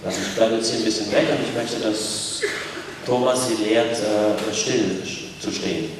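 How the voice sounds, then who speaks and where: Man interpreting in a booming arena. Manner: quick, hesitant with fillers. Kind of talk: live consecutive interpreting. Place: large indoor arena. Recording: echoey arena, distant mic, noise.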